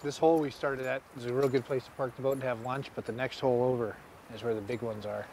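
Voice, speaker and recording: A man's voice: mid-range voice, fairly even intonation, quick pace, vocal fry, darkish tone, slight background noise. A man guiding a fishing trip, laid-back and teasing as he chats by a river. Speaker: fishing guide. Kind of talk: casual outdoor chat. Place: outdoors by a river.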